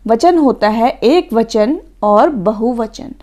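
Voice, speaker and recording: A woman teacher slowly and patiently explaining grammar from a worksheet, step by step. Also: a little high, expressive, mellow.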